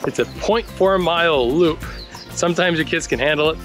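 A man's voice: a little high, moderate pace. A man in his thirties hosting a casual travel vlog outdoors, giving friendly tips while walking with a handheld camera. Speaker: travel guide host. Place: outdoors on tropical trails and roadsides. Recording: music playing behind the voice.

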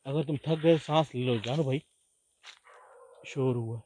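A man's voice: mid-range voice, measured pace, a little mellow, slight background noise. A man hosting a ghost-hunting vlog outdoors in a forest at night, pleading and calling out repeatedly. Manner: pleading, calls out repeatedly in fear. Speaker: ghost-hunting show host. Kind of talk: paranormal vlog narration and banter.

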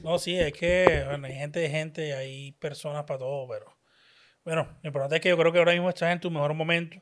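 A man's voice: fairly high pitch, steady tone, fast talker. Colombian coastal man hosting an interview. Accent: Colombian Caribbean coast. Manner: conversational, asks long rambling questions. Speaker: podcast host. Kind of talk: casual interview.

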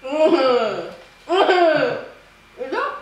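A young woman doing a casual challenge video with a friend, giggly and playful, talking fast when she teases. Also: high voice, big pitch swings. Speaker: vlogger. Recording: echoey room, distant mic, faint hiss.

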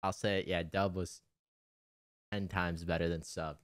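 A man's voice: sits low, little pitch movement, unhurried, no echo. A young man giving casual reaction commentary as a streamer, close on the mic. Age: young adult. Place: small room at home.

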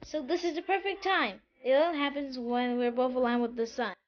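A high, bright-sounding planet Earth, played by a woman, eager and bossy as she orders the Moon around. The recording is dull and lo-fi. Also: steady tone, moderate pace, lightly acted. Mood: excited.

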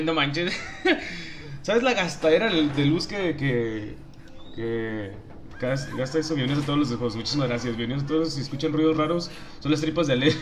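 A man's voice: on the high side, fairly bright tone. A young man with a Mexican accent streaming a game, chatting casually in slang and greeting viewers by name. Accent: Mexican Spanish. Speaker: gaming streamer. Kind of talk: casual livestream chat while gaming.

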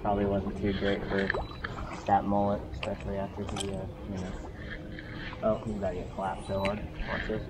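A young man fishing with a friend on a small boat, bantering in excited slang. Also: lowish voice, a little fast. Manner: hyped, slangy, bro talk. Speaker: fishing buddy. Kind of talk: casual banter. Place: small open boat on the water, outdoors. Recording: loud wind and water noise.

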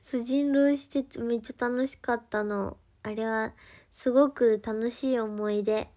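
A young woman speaks in a high, light voice with a Kansai lilt. She chats playfully and loosely to her stream, giggling and calling herself by her own name. Her tone is casual and unscripted throughout. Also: steady tone, a little slow, warm tone. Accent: Kansai Japanese. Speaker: livestreamer. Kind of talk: casual solo livestream chat.

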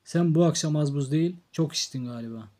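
A man's voice: on the high side, fairly quick, warm tone, natural voice. A man reading the lines of a frightened young woman pleading with her brother in an audiobook.

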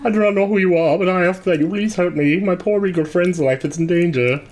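A man voicing a frantic stranger in a video game, begging for help in a breathless, pleading falsetto. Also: a little fast, a little mellow, lightly acted. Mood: desperate.

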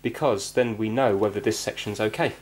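An amateur repair video host talks casually through hands-on work on a wooden floor indoors, thinking aloud and often questioning himself. His voice sits on the low side, fairly quick and a little mellow, in a clicky, noisy room recording.

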